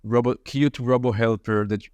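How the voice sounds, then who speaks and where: A man hosting a casual podcast, asking questions in a halting way and searching for words. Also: medium pitch, steady tone, darkish tone, smooth, no room sound, muffled recording. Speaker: podcast host.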